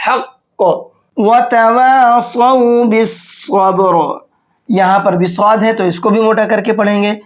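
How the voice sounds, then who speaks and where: A man teaching a tajweed lesson, patiently asking himself questions and then answering them, and slowing down to draw out words as he demonstrates. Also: high-pitched. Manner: slows down to demonstrate words drawn out. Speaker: Quran teacher. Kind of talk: tajweed lesson explaining pronunciation.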